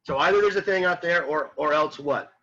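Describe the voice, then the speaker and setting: A man lectures a philosophy class in a bright, forceful voice with a husky edge. He repeats points and throws questions at the students. The lo-fi recording sounds dull. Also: fairly high pitch, a little fast. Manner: animated, repeats himself, rhetorical questions to students. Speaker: philosophy teacher. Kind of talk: classroom lecture reading and explaining a text.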